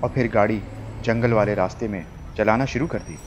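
A man narrating a cartoon horror story in a lively, playful storytelling manner. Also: lowish voice, a little fast, slight background noise.

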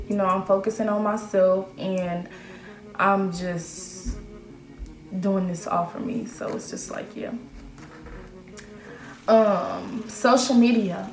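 A woman's voice: mid-range voice, roomy sound. A nineteen-year-old woman chatting to camera in a casual Q&A vlog, self-assured and full of fillers. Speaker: aspiring model vlogger. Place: small room indoors.

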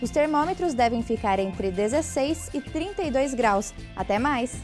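A woman in her twenties reading a scripted weather forecast smoothly in a TV studio, using a lapel mic. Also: fairly high pitch, normal speed, soft background music. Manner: smooth, even read. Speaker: weather presenter. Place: TV studio in front of weather map.

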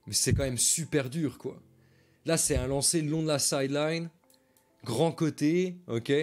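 A man's voice: on the high side, measured pace, soft background music. A man, coaching live as he breaks down football game film for viewers, chatty and casual, repeating his points and reading out viewer comments.

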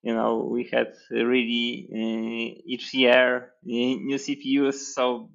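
Slow gravelly Polish-accented man, dull audio. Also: medium pitch, completely flat delivery, a bit bright. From Poland. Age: 40s. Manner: measured, hesitant with many fillers, laughs lightly. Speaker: guest. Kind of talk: interview over video call. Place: room with hexagon panel wall. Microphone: headphones with mic on video call.

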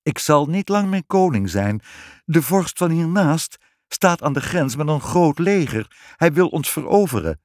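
Man doing a tearful, stammering good-hearted king for a storybook; lively pitch. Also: unhurried, no echo, clean studio sound. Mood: mournful. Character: soft-hearted weepy young king.

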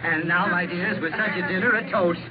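A man's voice: sits high, fairly even intonation, normal speed, a loud crowd, lightly acted. An actor playing a kindly, meek, poor father in the earnest style of 1930s radio drama. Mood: warm, earnest. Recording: noisy, tinny 1930s radio broadcast.

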